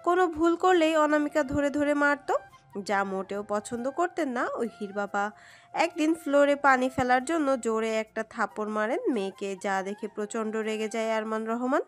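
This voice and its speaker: A woman narrates a romantic story with an expressive, dramatic reading. Her voice sits high, and soft music plays underneath. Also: normal speed. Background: soft background music.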